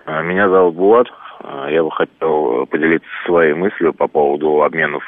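A man phoning in to a radio talk show, his voice coming through a tinny phone line. He is low-pitched and nervous, and he talks in halting bursts with many restarts. The sound is dry and close. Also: steady tone, dry recording. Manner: nervous, halting, first time on air. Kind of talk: call-in opinion.

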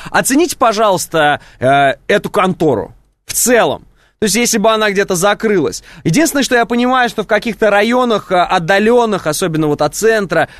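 A man's voice: sits high, dry recording. A man hosting a live radio phone-in, presenting conversationally on a close studio microphone.

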